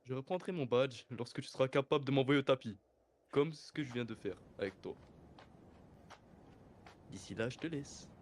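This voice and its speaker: A man's voice: mid-range voice, moderate pace, pauses often, slight background noise, close to an everyday voice. A man voicing an anime dub of a composed, menacing villain, speaking formally and theatrically. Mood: cold, menacing. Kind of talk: French anime dub parody, scripted villain monologue.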